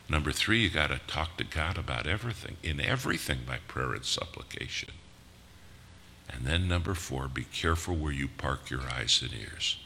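Very deep-voiced man preaching. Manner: dramatic preaching with sudden loud bursts and hushed drops. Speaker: pastor. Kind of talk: sermon. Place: church sanctuary. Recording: reverberant hall with faint noise.

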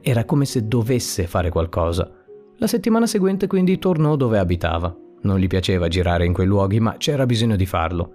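A man narrating a dramatic story podcast in a steady, plain reading voice. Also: medium pitch. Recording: faint background music. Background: soft music.

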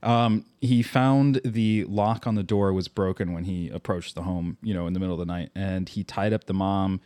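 A man with a fairly low voice recorded close and dry. He ambles through a story in casual podcast chat and leans on fillers as he goes. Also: steady tone, normal speed, warm tone, dry recording. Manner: rambling with many fillers and laughs. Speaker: podcast co-host. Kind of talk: casual chat, reading true crime stories.

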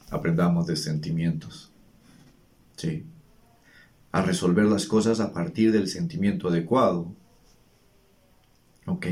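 Earnest man, a fatherly advice giver, low and warm. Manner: earnest, teacherly, rhetorical questions. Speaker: father giving emotional advice. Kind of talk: reflective monologue.

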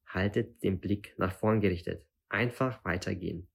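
A man reading an audiobook voices a wary male guide who gives urgent, hushed warnings. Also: deep voice, moderate pace, gravelly, slightly rough, heavily acted. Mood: tense urging. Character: wary, nervous male guide among thieves.

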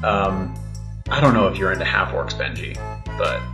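A man's voice: deep voice, lively intonation, normal speed, over music. A man narrating as game master of a tabletop role-playing podcast, describing scenes in a casual, filler-laden way.

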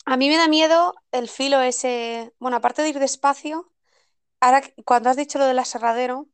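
Smooth-voiced woman, thoughtful chat. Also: sits high, fairly even intonation, moderate pace, dry recording. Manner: thoughtful, rephrases herself as she goes. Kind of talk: casual chat.

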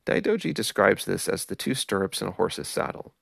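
Low gravelly guy narrating his podcast script, dry sound, careful and explain-y. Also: big pitch swings, dry recording. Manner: measured, explanatory, apologetic about pronunciation. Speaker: podcast host.

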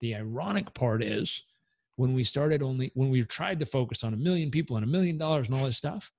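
A man speaks as a guest coach on a podcast, energetic and motivational. His voice sits in a middle register. The sound is dry and close, with no room around it. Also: mid-range voice, a little fast, creaky, no echo. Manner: energetic, motivational, leads breathing exercise aloud. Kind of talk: podcast interview.

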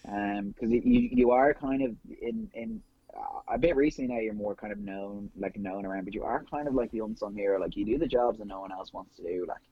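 A man's voice: lowish voice, a little fast, creaky, husky, dry recording, muffled recording. A young Irish man in his twenties, a nurse guest, chatting casually on a podcast in a rambling way. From Ireland.

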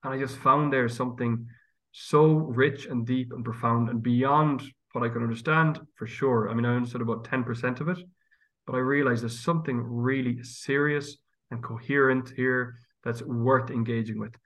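Speaking at a normal speed with a steady tone, this mid-range, slightly bright voice belongs to a County Galway priest. Being interviewed as a guest, he talks thoughtfully and conversationally in a west of Ireland accent.

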